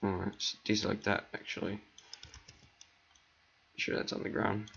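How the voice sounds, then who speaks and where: A man's voice: lowish voice, little pitch movement, moderate pace, creaky, fairly bright tone, a little hiss or hum. A man walking through a tutorial in casual talk, voice cracking now and then, rambling with lots of ums while he clicks through steps. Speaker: tutorial maker. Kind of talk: casual screen-recorded tutorial. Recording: dull lo-fi mic.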